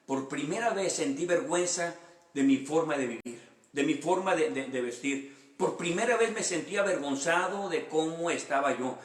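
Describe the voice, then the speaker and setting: A man's voice: fairly high pitch, lively intonation, normal speed, echoey room. A man, a pastor giving a sermon with his own testimony, earnest and repeating phrases for emphasis. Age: 50s.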